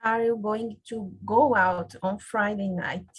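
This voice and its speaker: Husky-voiced woman student. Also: mid-range voice, steady tone, takes it slowly.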